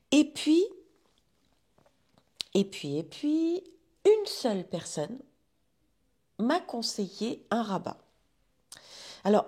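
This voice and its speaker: A woman's voice: lowish voice, a little mellow. Woman vlogging about her knitting, chatty, rambly, lots of restarts. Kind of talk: casual chat to viewers.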